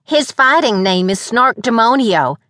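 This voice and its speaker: A woman's voice: a little high, expressive, moderate pace, no echo, studio quality, voice pushed up, close to an everyday voice. Farron, a woman voicing a bubbly young woman.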